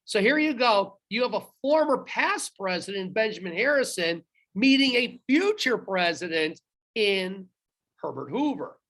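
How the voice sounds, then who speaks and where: A man's voice: sits high, sing-song, a little slow, a bit bright. Chatty male history teacher quizzing students. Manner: chatty, talks straight to students, quizzes them. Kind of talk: recorded classroom lecture.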